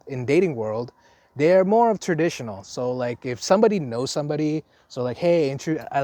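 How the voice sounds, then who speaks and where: With a slightly high, mellow voice and no echo, this young vlogger from Indonesia, a teacher living abroad, chats loosely to his audience in Indonesian-accented speech. He restarts often and leans on fillers.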